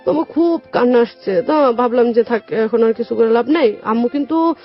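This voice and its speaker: Speaking briskly in a voice on the high side, a young woman with a Bangladeshi Bengali accent guests on a radio show and narrates her life story in everyday language. She often recreates conversations as back-and-forth dialogue, heard through dull lo-fi audio with music playing behind her.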